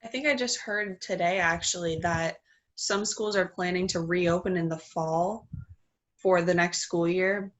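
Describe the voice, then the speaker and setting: A woman's voice: lowish voice, steady tone, unhurried. A woman joining a casual video call, chatty and agreeable. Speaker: meeting participant.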